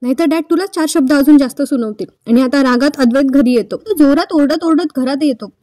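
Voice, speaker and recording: A woman's voice: sits high, brisk, dark tone, no room sound, clean studio sound. A woman hosting a casual recap of a TV serial episode, chatting as she tells the story.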